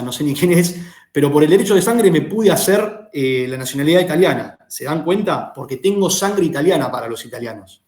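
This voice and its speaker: A man's voice: on the high side, darkish tone, roomy sound. A man with an Argentine Rioplatense accent teaching a law class, explaining concepts and asking the students questions. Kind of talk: lecturing a class.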